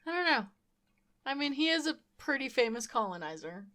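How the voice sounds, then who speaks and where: A woman's voice: high-pitched, sing-song, fairly quick, pushed and bright. A young woman hosting a podcast, recapping a comic book casually with frequent laughter and wry asides. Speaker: podcast host.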